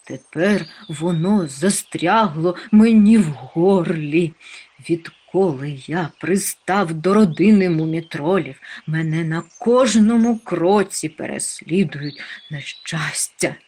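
A woman's voice: on the low side, takes it slowly, warm tone, slight background noise. A woman voicing a fretful, self-pitying male storybook creature who moans and complains. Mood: moaning. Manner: moaning, complaining.

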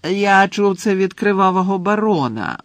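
A man's voice: high voice, animated, moderate pace, a bit bright, no room sound, voice pushed up. A man voicing a chatty, cheerful male ghost eager to share gossip, in a storybook reading.

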